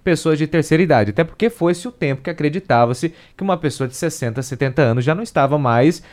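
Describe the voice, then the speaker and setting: A man's voice: fairly high pitch, fast talker, darkish tone. A man hosting an interview, conversational and asking questions. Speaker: radio host.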